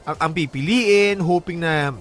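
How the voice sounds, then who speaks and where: With music in the background, a Filipino man on a radio love-story show moves from dramatic letter readings to blunt, joking, casual advice banter with bits of English. His voice is a little high and fairly bright, he talks a little slowly, and there's a bit of hiss or hum.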